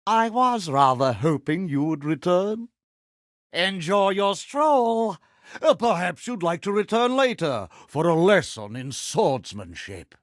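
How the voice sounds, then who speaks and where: A villainous, self-adoring male pirate captain from a video game. His voice is high and wildly swooping, taken at a slow, savouring pace. He mixes mock-genteel grandeur with salty pirate slang, all very theatrical. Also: big pitch swings, no echo, clean studio sound, full character voice. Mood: smug, courtly.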